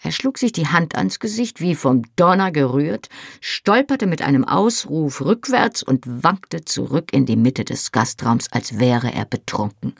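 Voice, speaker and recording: An audiobook reader narrating a novel in first person, in a measured storytelling manner. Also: medium pitch, big pitch swings, creaky, no room sound, studio quality.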